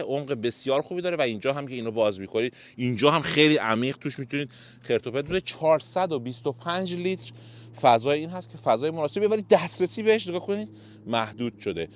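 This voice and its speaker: A man walking around a car and reviewing it in a casual, opinionated way as he points out details. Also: medium pitch. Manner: chatty, opinionated, pointing things out.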